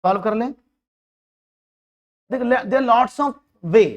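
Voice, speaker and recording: A man's voice: extremely high pitch, takes it slowly. Man teaching maths step by step. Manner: explains step by step and keeps checking in with listeners; mixes English phrases into his speech. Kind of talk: online exam-prep lecture.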